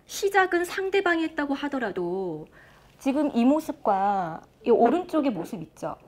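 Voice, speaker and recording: A woman speech lecturer speaks from a stage to a live audience. Her voice sits fairly high and rises and falls a great deal. She talks in an animated, engaging way and keeps throwing questions to the crowd. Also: moderate pace. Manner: lively, asks the audience questions. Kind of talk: motivational lecture.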